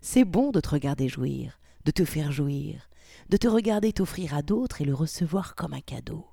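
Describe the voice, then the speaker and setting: A woman voicing an affectionate male partner in an erotic audio story, speaking softly and intimately. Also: a little high, expressive, normal speed, creaky, slightly rough, no echo, clean studio sound, full character voice. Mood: tender. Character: affectionate partner, teasing and tender.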